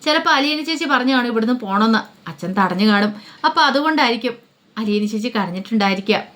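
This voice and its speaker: A woman voicing a calm young woman in a spoken serial story, reasoning things out as she explains. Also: on the high side, fast. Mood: thoughtful.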